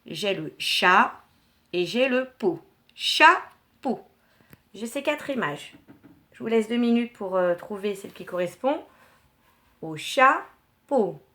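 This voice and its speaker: A woman teacher giving a lesson to young children, encouraging them and pronouncing words slowly and clearly. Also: medium pitch. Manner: warm, encouraging, slow and clearly articulated; syllables stretched and repeated for children.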